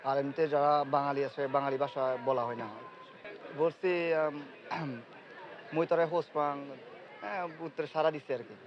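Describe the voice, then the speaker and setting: A man with a mid-range voice answers a street interviewer hesitantly. Behind him a loud crowd and clear noise fill the muffled outdoor recording. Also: medium pitch, steady tone, measured pace. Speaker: interviewee at a book fair. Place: outdoors at a busy fair.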